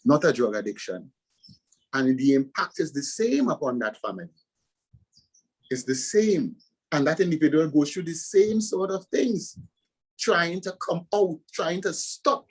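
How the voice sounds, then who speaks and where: A man's voice: on the high side, lively intonation, measured pace, slightly rough, low-quality recording. A man from Trinidad and Tobago with a Trinidadian accent, a pastor and author answering interview questions with earnest, preacherly emphasis.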